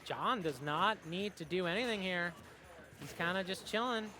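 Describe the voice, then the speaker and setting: A young man doing live play-by-play commentary on a fighting game tournament, excitable, with lots of fillers and quick reactions. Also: high-pitched. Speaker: esports commentator. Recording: music playing behind.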